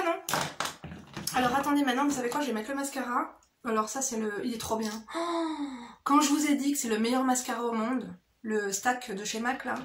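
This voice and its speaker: In a casual get-ready-with-me makeup chat, a higher-pitched woman beauty vlogger talks to her audience directly, familiar and slangy, often adding "hein." The recording has a roomy, noticeably echoey indoor sound.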